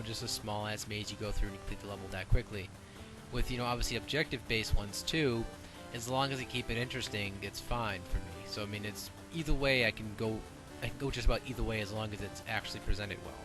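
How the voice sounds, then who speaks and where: A man's voice: lowish voice, steady tone, fast talker, music in the background, poor audio. A man hosting a casual podcast chat, blunt and opinionated, swearing freely as he argues his point. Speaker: podcast host.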